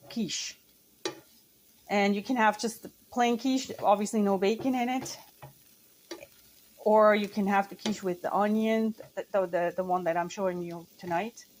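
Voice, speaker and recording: A cooking vlogger from central Switzerland chats while she cooks in her home kitchen, rambling and correcting herself as she goes. Her voice is medium-pitched, with a little hiss or hum in the recording.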